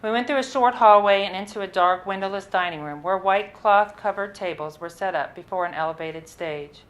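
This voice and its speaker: With a mid-range voice, a woman shares a first-person story of her own at a live literary event. She reads in a measured, expressive way, now and then making a small stumble.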